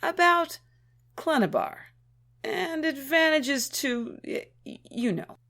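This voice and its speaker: A woman's voice: medium pitch, lively intonation. A woman voicing a prim, skeptical female alien shipmate with a disdainful manner in an audio drama. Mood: hesitant. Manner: disdainful, prudish, slow deliberate delivery.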